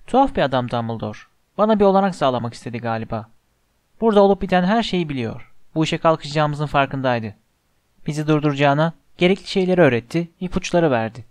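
A man voicing a thoughtful young teenage boy wizard who speaks quietly. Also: a little high, lively intonation, fast, no echo, clean studio sound, lightly acted.

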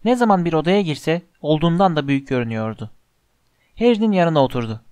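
A man narrating an audiobook in measured, scripted storytelling. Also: a little high, expressive, a little mellow, dry recording.

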